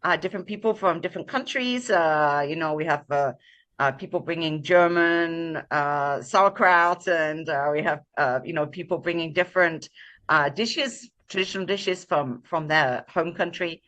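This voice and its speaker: A woman sharing a personal story as a guest on a video call, talking casually and pausing often with ums and uhs. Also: low voice, a bit bright. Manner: halting, many ums and uhs. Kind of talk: casual sharing on a live show.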